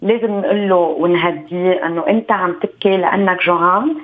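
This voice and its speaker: A woman from Beirut with a Lebanese accent, a parenting expert giving calm, instructive advice on a radio show. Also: on the low side, fast. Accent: Lebanese Arabic. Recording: tinny phone line.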